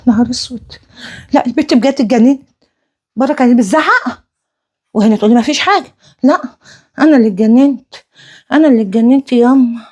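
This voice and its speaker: A woman's voice: a little high, fast, pauses often, darkish tone, slightly rough. A woman playing an exasperated middle-aged mother with an Egyptian accent, exclaiming and reciting protective prayers. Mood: pleading. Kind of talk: acted comedy drama.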